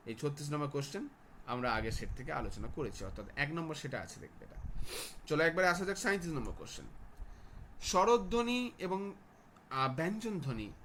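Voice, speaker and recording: Man, teacher, exam answer walkthrough, slightly high voice, checks in with students, faint hiss. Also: animated, brisk, pauses often, a bit bright. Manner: explanatory, checks in with students often.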